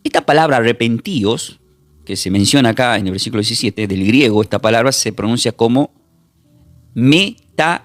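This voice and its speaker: A man, a pastor teaching a recorded Bible class in an emphatic preaching manner, repeating words and slowly spelling out terms. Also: medium pitch, no echo.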